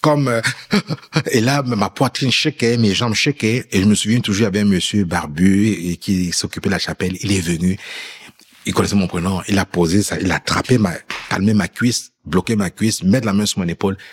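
A deep, slightly rough male voice moves briskly. He's an immigrant who lived in France prior to Quebec, sharing his faith story in an interview and performing bits of dialogue as he recounts it.

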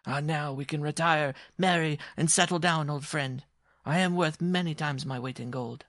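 A man voicing a proud, touchy, lovestruck circus dwarf in a story, with a shrill voice and florid, pompous speech. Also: steady tone, normal speed, fairly bright tone, no echo, clean studio sound. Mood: triumphant.

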